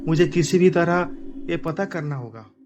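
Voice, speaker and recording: A man's voice: on the high side, normal speed, lo-fi sound, music in the background, lightly acted. A man voicing an earnest, determined uncle. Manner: earnest, questioning. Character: worried young uncle, determined adult man. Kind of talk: animated story voice acting.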